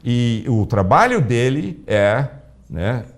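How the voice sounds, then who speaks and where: Man, pastor, sermon, animated storytelling, lively intonation. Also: slow. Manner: animated storytelling, acting out dialogue with big pitch swings.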